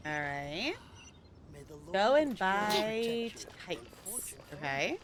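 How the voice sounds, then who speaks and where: A woman's voice: mid-range voice, very animated, extremely slow, slight background noise. A woman streaming a game with casual, chatty commentary, giggly and thinking aloud.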